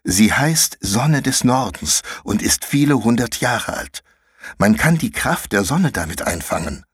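A man's voice: mid-range voice, very animated, a little slow, husky, no echo, clean studio sound, pitched above the performer's own voice, exaggerated voice. A man voicing a bossy, secretive girl adventurer on a mission, who talks in a curt, impatient, know-it-all way in a storybook reading. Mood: urgent.

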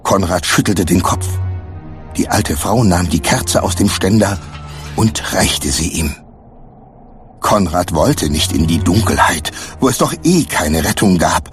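A man reading a children's adventure story aloud with expressive scripted narration. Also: sits low, measured pace, faint music behind. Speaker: audiobook narrator.

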